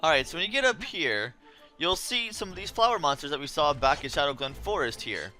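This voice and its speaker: This is a man chatting through a video game as a let's play host. His voice sits a little high and bright, with plenty of rise and fall as he goes. He sounds wry and casual, quick to grumble when the game annoys him. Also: big pitch swings, faint music behind.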